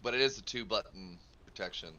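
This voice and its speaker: A man with a laid-back surfer way of talking, calmly calling out fight mechanics during a game. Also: fairly low pitch, brisk, muffled recording. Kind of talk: casual gaming chat.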